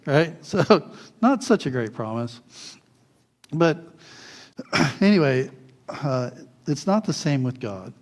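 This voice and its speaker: This preacher speaks slowly, leaving long pauses, in a fairly high voice. His sermon is animated storytelling built on childhood anecdotes: he laughs, mimics the voices of the characters, then eases into the lesson.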